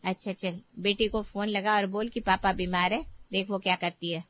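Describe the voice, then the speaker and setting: A woman's voice: mid-range voice, fairly even intonation, normal speed, dull audio, slight background noise, lightly acted. A woman voicing a blunt middle-aged aunt who scolds her sister. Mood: scolding.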